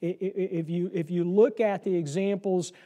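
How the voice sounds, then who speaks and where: A man teaching a Bible class, lively and playful, who laughs easily as he works through verses. His voice sits high, with a soft, mellow tone. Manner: lively, joking, quick to laugh. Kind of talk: interactive Bible lesson. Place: room with a class.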